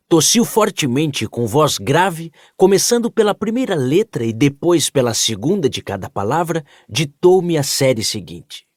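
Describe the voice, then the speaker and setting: A male audiobook narrator telling the story expressively, his pitch moving a lot. He is recorded close and dry, with no room sound. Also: dry recording. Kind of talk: scripted narration.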